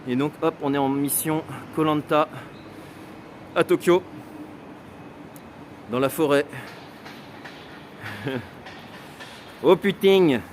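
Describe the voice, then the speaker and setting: Chatty southern French man, fairly high voice. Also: fairly even intonation, slow pace, long pauses, slight background noise. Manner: chatty, laughs often, joking asides. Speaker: live-stream host. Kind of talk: casual walking live stream. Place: outdoors on city streets.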